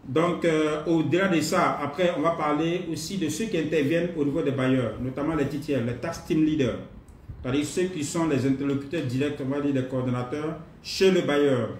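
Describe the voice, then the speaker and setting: French-speaking trainer with an unhurried manner. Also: male voice, on the high side, darkish tone. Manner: unhurried, repeats himself, many pauses and fillers. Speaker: online course trainer. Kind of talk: live online class, greeting participants. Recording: roomy distant mic, faint noise.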